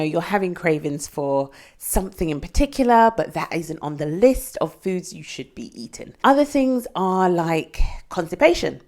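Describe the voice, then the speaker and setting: A woman's voice: low voice, darkish tone. A young British woman, pregnant and often out of breath, candidly chatting to camera in a casual vlog. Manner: chatty, candid, with frequent fillers. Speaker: vlogger.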